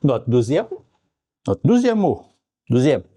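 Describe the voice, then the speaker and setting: A man's voice: mid-range voice, sing-song, slow pace, warm tone. A man from Portugal with a Portuguese accent, talking in a casual vlog and repeating words over and over as he teaches them. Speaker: vlogger. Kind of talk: casual language-learning vlog.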